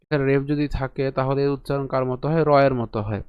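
A man teaching correct Sanskrit pronunciation of a scripture verse, asking and answering his own questions, chanting slowly syllable by syllable. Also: medium pitch, fairly even intonation, smooth, no room sound, muffled recording. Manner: explains and asks rhetorical questions. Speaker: Gita recitation teacher. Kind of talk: online pronunciation lesson.

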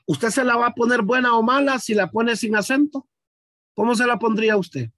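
A male teacher with a notably high voice talks his class through an exercise one step at a time. He thinks out loud and keeps turning to his students with questions. The sound is close and dry, with no room around it. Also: moderate pace, no room sound. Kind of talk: online class demonstration.

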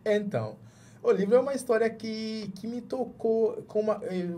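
A Jamaican journalist in his thirties, with a Jamaican accent, chats as a guest in a small padded studio, often restarting words as he searches for them in Portuguese. His voice is high-pitched with a dark tone, at a moderate pace, in casual interview talk.

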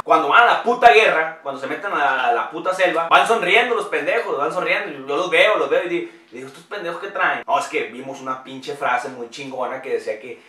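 A man's voice: a little high, sharp tone, reverberant, recorded from a distance. A young man with a Mexican Spanish accent, ranting sarcastically and profanely as a comedy vlogger. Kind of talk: crude comedic rant.

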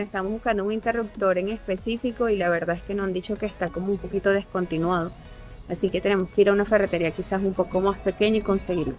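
A woman's voice: medium pitch, a little mellow. A woman with a Venezuelan accent, chatting casually as a vlogger while she reads out prices walking through a large indoor hardware store. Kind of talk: casual vlog tour.

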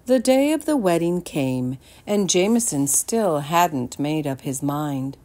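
A woman reading a children's picture book aloud, expressive and pausing to ask her listeners questions. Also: deep voice. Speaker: storytime reader. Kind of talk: children's read-aloud narration.

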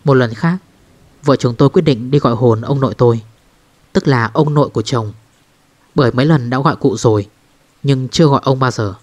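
Calm male ghost-story narrator. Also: mid-range voice, fairly quick, pauses often.

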